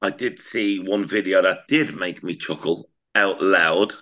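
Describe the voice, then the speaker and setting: A man co-hosting a podcast, talking in a relaxed way and prompting his partner. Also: sits low, unhurried. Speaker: podcast co-host. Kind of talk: casual chat.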